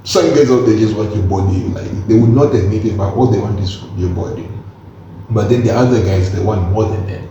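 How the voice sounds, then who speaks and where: A man, 21, co-hosting a laid-back chat, talks a little fast in a fairly low voice, earnest and animated and loaded with slang while explaining himself. There's a bit of hiss or hum, and the recording sounds dull, distant and echoey.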